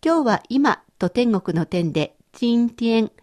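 A woman teaches a radio language lesson in a bright, high voice that rises and falls a lot. She explains each point patiently and clearly. Her tone is friendly and instructive. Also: expressive, slow pace.

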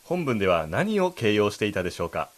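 A man's voice: on the low side, very animated, quick pace, faint music behind. Polite man explaining a lesson. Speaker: co-host.

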